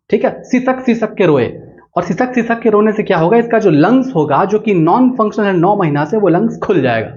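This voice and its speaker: Chatty young male biology tutor, high-pitched voice, jokey and engaging. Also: a little mellow, lo-fi sound. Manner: chatty and joking, keeps checking in with listeners. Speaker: biology teacher. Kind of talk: playful explainer lesson.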